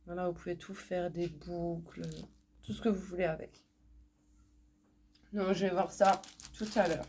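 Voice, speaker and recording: A woman's voice: on the low side, little pitch movement, measured pace, a little mellow, slight background noise. A woman with a cold, speaking nasally through a blocked nose, chatting casually as she shows off items she bought. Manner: chatty, repeats words, many fillers. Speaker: vlogger showing a haul. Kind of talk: casual unboxing chat.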